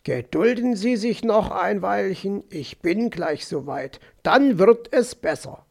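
A man's voice: high-pitched, expressive, slow pace, creaky, exaggerated voice. A man voicing a smug, overly solicitous male fox who talks in a soothing, patronizing way. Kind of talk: audiobook character voice.

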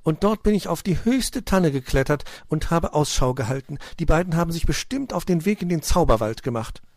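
A man voicing a nimble, helpful squirrel who reports briskly. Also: medium pitch, lively intonation, darkish tone, dry recording, clean studio sound, voice pushed up, close to an everyday voice.

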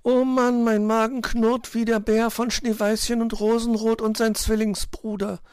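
A man voicing a small, timid male bird with a squeaky, piping voice for a storybook audiobook. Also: flat delivery, measured pace, smooth, dry recording, studio quality. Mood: whiny. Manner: timid, whiny about hunger.

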